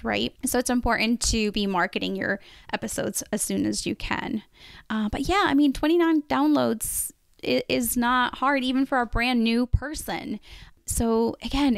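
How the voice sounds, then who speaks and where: A chatty woman hosts her own podcast, talking straight to the listener. Her voice sits a little high and sounds smooth and clear. It is recorded close and dry, with no room sound. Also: dry recording. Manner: chatty and conversational, with many fillers like "like" and "right?". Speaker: podcast host. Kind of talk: solo podcast monologue.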